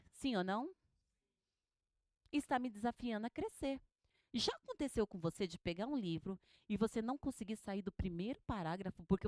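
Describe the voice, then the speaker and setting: A woman teaching a homiletics class, animated and questioning, who drills words syllable by syllable with her students. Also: a little high, no echo. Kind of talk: classroom lecture.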